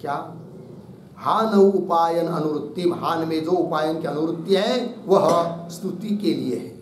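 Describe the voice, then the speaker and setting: A man's voice: fairly high pitch, a little hiss or hum. A male teacher explaining a Sanskrit text, putting questions to the class, answering them himself, and dictating notes phrase by phrase. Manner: dictates slowly, repeating each phrase. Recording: echoey room.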